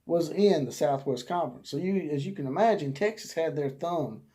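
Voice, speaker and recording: With a fairly high but dark-toned voice at normal speed, a sports vlogger rants on his own channel. His delivery is folksy and preacher-like, and he draws out words to drive points home.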